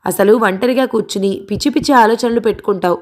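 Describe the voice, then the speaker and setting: A woman's voice: a little high, fast, a little mellow, close to an everyday voice. A woman reading aloud and voicing a self-serving husband who coaxes and wheedles his wife. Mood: coaxing. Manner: wheedling, cajoling. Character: coaxing husband, smooth-talking, self-serving.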